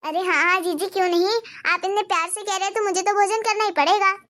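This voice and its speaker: Meddling cartoon neighbor, chatty and prying, voiced by a woman, with a very high voice. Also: steady tone, fast talker, pushed and bright. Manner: chatty, probing, complaining. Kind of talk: cartoon dubbing.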